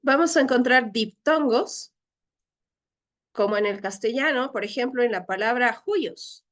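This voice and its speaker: A woman's voice: fairly high pitch, a little slow. A woman teacher leading a Greek class, explaining patiently step by step and often checking with her students. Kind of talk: online class lecture.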